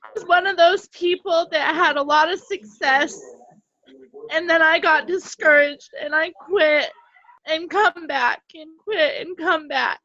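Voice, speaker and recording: High bright woman, gushy n heartfelt, dry muffled call audio. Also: a little slow. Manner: gushing, heartfelt. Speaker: team member.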